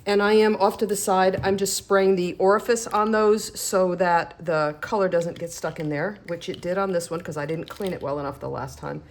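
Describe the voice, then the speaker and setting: Woman craft demonstrator, lowish pitch, chatty and self-deprecating, explains as she stamps. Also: steady tone, moderate pace, few pauses. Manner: chatty, self-deprecating, talks while working. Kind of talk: casual craft tutorial.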